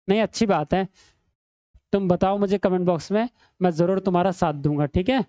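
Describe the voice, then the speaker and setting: A man's voice: high-pitched, moderate pace, dark tone, dry recording. A man teaching an exam-prep reasoning lesson at a screen, chatty and teasing, calling his students son and brother. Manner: chatty, teasing, calls students beta and bhai.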